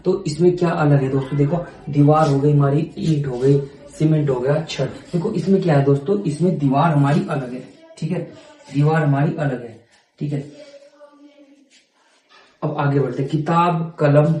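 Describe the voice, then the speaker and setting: A male teacher walks through exam-prep reasoning questions, repeating each item slowly and checking in with his viewers again and again. His voice sits a bit high but sounds dark and mellow. The room around him is echoey. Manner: repeats items aloud, keeps asking "ठीक है".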